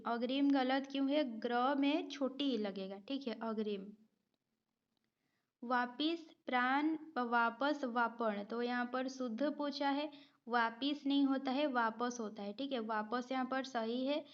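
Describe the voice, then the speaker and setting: A woman teacher takes students through an exam-prep spelling lesson with a high voice and an unhurried pace. She reads each answer option, repeats the correct word, and checks in before moving on. The recording sounds a little dull and lo-fi. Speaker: Hindi grammar teacher.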